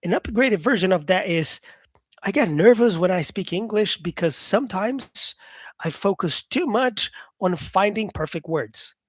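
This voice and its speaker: A man's voice: high-pitched, expressive, unhurried, husky, no echo, studio quality. A man from Brazil, an English teacher, chatting casually with live viewers and answering their comments. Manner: casual, upbeat, sprinkles in "yeah". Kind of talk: live-stream chat with viewers.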